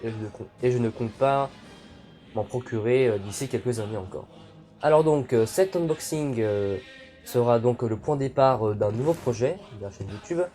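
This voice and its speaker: A man's voice: medium pitch, normal speed, mellow. Young guy doing an unboxing, kinda hesitant, lots of ums, music playing behind. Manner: hesitant, many "euh" fillers. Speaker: YouTuber unboxing militaria. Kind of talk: casual unboxing vlog. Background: background music.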